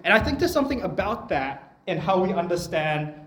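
A man's voice: sits high, sing-song, fairly quick, fairly bright tone, a little hiss or hum. Young male preacher, echoey hall. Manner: conversational, personal storytelling. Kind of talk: sermon. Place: church.

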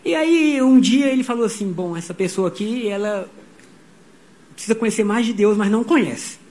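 A middle-aged pastor with a high voice delivers a sermon. He tells stories with energy and voices the people in them. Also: moderate pace. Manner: animated storytelling, voicing quotes.

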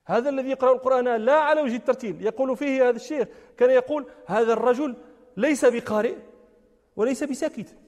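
A man's voice: extremely high pitch, fast talker, a little mellow. A man giving a religious lecture on Quran recitation, emphatic and repeating key phrases for stress. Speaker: Islamic scholar lecturing. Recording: long hall reverb.

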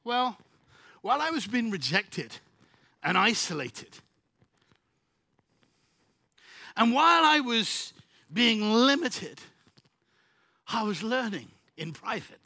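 A male preacher acting out a humble, earnest young shepherd-warrior in a sermon retelling, speaking in a high, bright voice. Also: very animated, takes it slowly, creaky, long pauses, no room sound, studio quality, full character voice.

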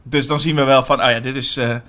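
A man co-hosting a podcast, talking casually about horror films in quick, animated bursts with many fillers. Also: mid-range voice. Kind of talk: casual film discussion.

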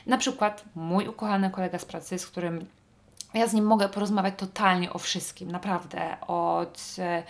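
A woman's voice: lowish voice, steady tone, moderate pace. A Polish woman hosting a podcast, talking in a chatty, wry monologue with frequent fillers. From Poland. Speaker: podcast host. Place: northern Norway.

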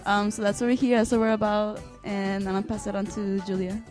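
A woman's voice: medium pitch, steady tone, fairly quick, over music. A woman hosting a small radio show from a crowded art book fair, talking casually and a bit hesitantly. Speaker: host.

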